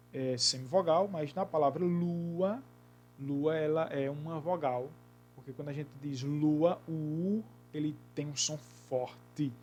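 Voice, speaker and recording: A man teaching a grammar lesson, explaining patiently and slowly repeating key words. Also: a little high.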